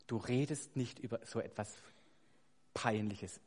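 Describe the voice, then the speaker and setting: A man preaching a sermon, emphatic and building to loud stressed points, putting rhetorical questions to his congregation. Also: medium pitch, measured pace. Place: church hall. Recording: long hall reverb.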